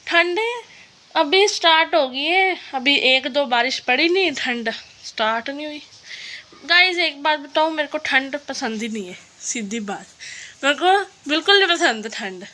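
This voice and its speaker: Here a young female vlogger, sore-throated and sniffly with a cold, chats loosely at home, indoors and out on a terrace in the rain, circling back over the same points. She speaks unhurriedly in a high, lively, pushed and bright voice, with rain noise behind her.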